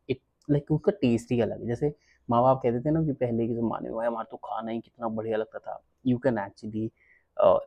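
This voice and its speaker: A man giving casual travel advice as a vlogger, blunt and animated, from India. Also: medium pitch, vocal fry, dry recording, dull audio. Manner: blunt, animated, switches between Hindi and English.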